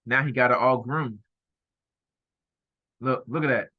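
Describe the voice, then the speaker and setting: A man's voice: mid-range voice, unhurried, phone-quality sound. A man giving heated, repetitive running commentary over a video, speaking emphatically and accusingly.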